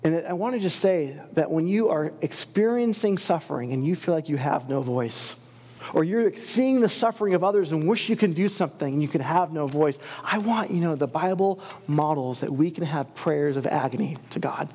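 High-voiced male pastor preaching. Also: normal speed, breathy edge, long reverb tail. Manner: earnest, expressive scripture reading. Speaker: lead pastor. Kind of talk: sermon. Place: church sanctuary.

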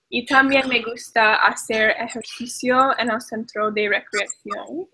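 Young woman, halting with many ums, slow, bright, dry webcam audio. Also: on the high side, breathy edge, no room sound, low-quality recording. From Minnesota, USA. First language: English. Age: young adult. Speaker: Spanish student. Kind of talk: scripted class oral exchange. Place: small room indoors. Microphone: webcam at desk.

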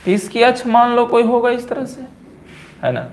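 A man with a Bihari accent teaching physics in a coaching classroom, repeating key terms slowly and asking and answering his own questions. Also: very high-pitched. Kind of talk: classroom lecture at a board.

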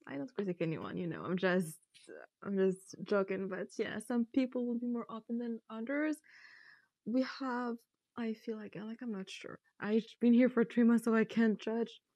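This young Moroccan woman, whose first language is Arabic, is a newcomer giving a casual interview on a lapel mic with no room sound. She speaks at a moderate pace in a slightly high voice, full of laughter, lively energy, and playful impressions of what others said.

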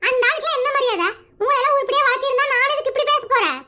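Cartoon wife, squeaky and very high, rattling off bright scolding retorts at speed , voiced by a woman. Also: lively intonation, rapid-fire, full character voice. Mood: mocking. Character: sharp-tongued married woman, scolding and teasing. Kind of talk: animated comedy voice acting.

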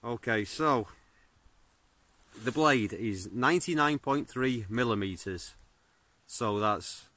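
A man's voice: mid-range voice, no echo. A man, reviewing a knife in a birch forest, talking casually with plenty of fillers. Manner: relaxed, unhurried, many fillers and restarts. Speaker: bushcraft video host. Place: birch forest outdoors, smoky campfire. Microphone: phone or camera at arm's length.

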